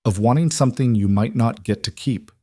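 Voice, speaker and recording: A man voicing a gentle, earnest single father who speaks softly and reassuringly in a storybook. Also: medium pitch, a little fast, no room sound, clean studio sound, natural voice. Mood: tender.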